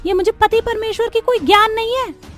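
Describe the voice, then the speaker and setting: A woman's voice: very high-pitched, fairly quick. A woman voicing a feisty young witch daughter-in-law in a cartoon, cheeky and defiant. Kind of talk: cartoon voice acting. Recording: soft music behind.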